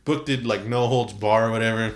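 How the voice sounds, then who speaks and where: A man's voice: fairly low pitch, fairly even intonation, a little fast. A man hosting a podcast in a casual, slangy chat, peppering his talk with "dude" and "like". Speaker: podcast host. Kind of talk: casual chat about wrestling.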